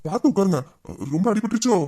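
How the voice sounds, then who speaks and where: A man's voice: high-pitched, expressive, racing, dark tone. A man playing a flirtatious male boss who teases a staff member in a Tamil audio drama. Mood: teasing. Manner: teasing, playful and bossy. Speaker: boss voicing a romantic male lead.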